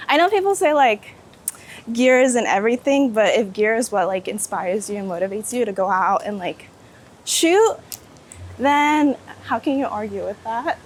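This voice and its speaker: Walking along a city street, a woman who works as a street photographer answers interview questions in an informal, enthusiastic way, dropping "like" often. She sounds animated, her voice on the high side and her pace a little slow. Traffic and street sounds surround her, with slight hiss or hum on the recording.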